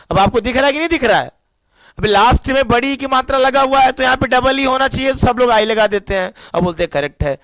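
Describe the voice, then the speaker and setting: A young male teacher with a high voice leads an English spelling lesson. He keeps quizzing the class with quick call-and-response questions. The sound is dry and close. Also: fairly bright tone, no room sound.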